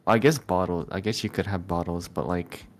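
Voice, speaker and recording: A man's voice: low voice, steady tone, normal speed. A man co-streaming, chatting casually in a laid-back, joking way.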